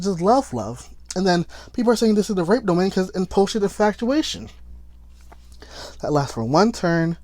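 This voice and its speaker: A man with a somewhat high voice reads tabletop rules aloud in a hurried, stumbling way, restarting words as he goes. He breaks off to argue his case like a commentator. The sound is close and dry, with no room around it. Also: a little mellow, no echo. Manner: rushed, stumbling reading with restarts. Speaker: YouTube commentator. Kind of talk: reading rules aloud and arguing.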